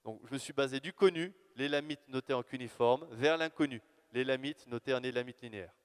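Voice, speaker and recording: A man giving a live lecture on his research, talking in a lively, conversational way with fillers and asides to the audience. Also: medium pitch, brisk, clear, resonant tone. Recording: long hall reverb.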